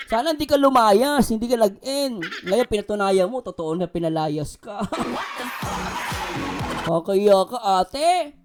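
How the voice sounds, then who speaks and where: Vlogger host doing mocking gossip commentary over soft guitar music. Scolds, laughs at their own jabs. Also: medium pitch.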